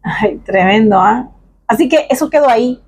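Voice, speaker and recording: High-voiced woman preaching with feeling. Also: normal speed, breathy edge. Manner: expressive storytelling, swinging from raised to hushed. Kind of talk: sermon.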